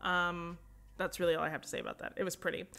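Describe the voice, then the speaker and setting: Chatting casually through a home decor shopping trip, a young woman talks in a fairly low pitch for this shop-with-me voice-over. She sounds bright, forward and clear, and keeps slipping in fillers and fast asides.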